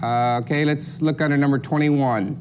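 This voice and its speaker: A man's voice: mid-range voice, steady tone, normal speed. A man from Alabama competing on a television game show, talking casually as he picks numbers. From Alabama, United States. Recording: noisy studio recording with clicks.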